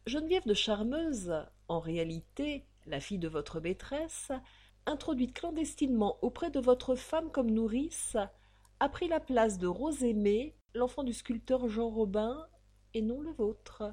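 An insolent male blackmailer sneers and taunts in this audiobook scene, as a woman reader puts him on. The voice sits raised and breathy, drawn out slowly. Every word lands with menace. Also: a little high, animated, dark tone, pitched above the performer's own voice. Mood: menacing. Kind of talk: audiobook character reading.

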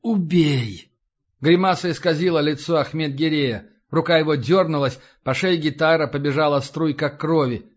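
A man's voice: a little high, steady tone, normal speed, few pauses. Man narrating an audiobook, lo-fi. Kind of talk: audiobook narration of an action novel. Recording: dull lo-fi audiobook recording.

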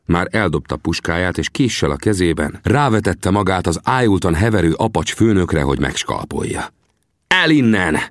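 A man's voice: low-pitched, lively intonation, few pauses, no room sound, clean studio sound. A man narrating an adventure novel as an audiobook, in a dramatic storytelling manner. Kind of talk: scripted narration.

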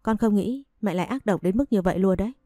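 A woman's voice: medium pitch, fast, dark tone, dry recording, clean studio sound, faint music behind, close to an everyday voice. A woman reading as a firm protective young husband. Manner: resolute, defiant.

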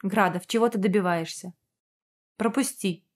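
A woman voicing a defiant young woman in an audiobook, scornful and sharp, often shouting back. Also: medium pitch, moderate pace, close to an everyday voice. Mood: shouting, frightened.

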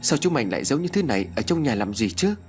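A man's voice: medium pitch, big pitch swings, fast talker, a little mellow, soft background music, lightly acted. A man voicing a practical young woman who keeps asking questions in an audiobook ghost story. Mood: urgent. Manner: urgent, questioning storybook dialogue.

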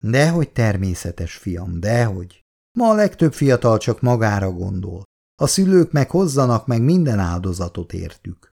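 A woman's voice: very deep voice, sing-song, creaky, dark tone, heavily acted. A man doing a fretful middle-aged mother. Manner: fretful, sighing. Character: worried middle-aged working-class mother. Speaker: mother of grown children.

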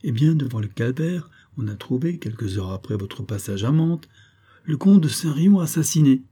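A stern judge, read by a man, presses his questions in a measured, probing way. The tone is mellow and slightly husky. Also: mid-range voice, expressive.

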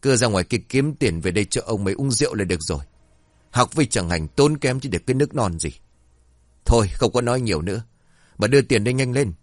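A man voicing a drunk, violent middle-aged father who shouts crude demands and threats. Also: mid-range voice, expressive, fast talker, no room sound, clean studio sound, natural voice. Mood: drunk angry.

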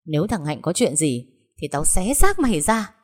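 A woman's voice: mid-range voice, animated, brisk, lightly acted. A woman doing a raging peasant sister. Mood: furious. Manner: shouting, threatening. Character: furious hot-tempered peasant woman, older sister.

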